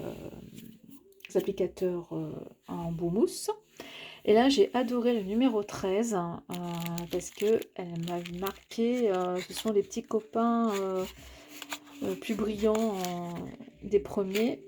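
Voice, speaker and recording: A craft vlogger unboxes items while chatting casually with her viewers, speaking directly to them and hesitating often with filler sounds. Her voice is medium-pitched, and the background is noisy.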